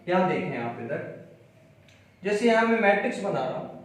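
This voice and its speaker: High-voiced man teaching in an echoey room. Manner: repeats key phrases slowly while writing on a board. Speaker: maths teacher. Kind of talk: classroom lecture. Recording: very echoey room, mic far off.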